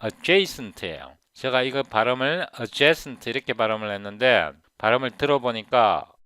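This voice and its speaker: A man in his fifties explaining English pronunciation in a casual tutorial, repeating words slowly to show how they sound. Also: medium pitch, animated, pushed and bright, clean tone, dry recording. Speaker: software developer teaching English pronunciation. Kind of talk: casual screen-recorded tutorial.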